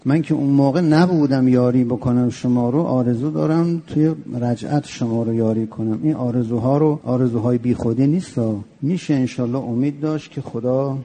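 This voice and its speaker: A man preaching a sermon. He slowly intones lines of a prayer and explains each one in plain, conversational speech. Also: medium pitch, creaky, dark tone, husky. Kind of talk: sermon reading a pilgrimage prayer with commentary.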